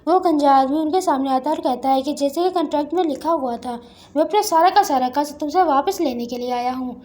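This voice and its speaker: A woman narrating a comic story recap in an even storytelling read, quoting the characters without putting on voices. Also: high voice, fast.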